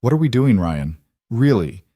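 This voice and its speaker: A man's voice: medium pitch, big pitch swings, moderate pace, warm tone, no room sound, studio quality. A man voicing a guarded young businesswoman, pleading and unsteady, in a storybook narration. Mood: hushed.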